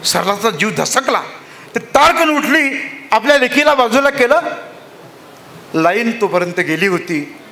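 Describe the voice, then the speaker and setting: A man's voice: very high voice, animated, unhurried, long pauses, sharp tone. A man telling a rural story dramatically at a literary conference.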